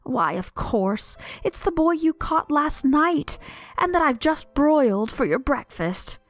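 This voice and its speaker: A woman voicing an ogre's wife in a storybook reading, chiding and fussing in a bouncy, lively voice. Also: sits high, slow, pitched above the performer's own voice, full character voice. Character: ogre's wife, scolding fussy giantess.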